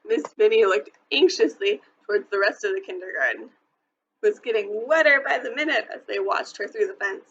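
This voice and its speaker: A woman teacher reading a children's novel aloud, expressive and clear. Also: mid-range voice, brisk, highs cut off, slight background noise. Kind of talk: storybook read-aloud.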